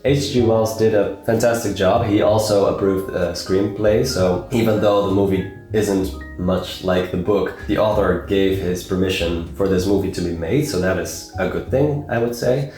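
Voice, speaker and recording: A man's voice: low-pitched, normal speed, hardly any pauses, darkish tone, faint music behind. A young man casually talking about films, rambling with many fillers and repeated words. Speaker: film review vlogger. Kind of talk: casual film talk. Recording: very echoey room.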